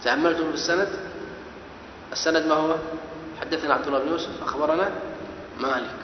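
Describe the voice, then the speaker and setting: Male lecturer, classroom teaching, slightly high voice, step-by-step explanations with questions to the class, lo-fi hall recording. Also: steady tone, fast, a little hiss or hum. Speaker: teacher of hadith studies. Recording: echoey hall, dull lo-fi sound.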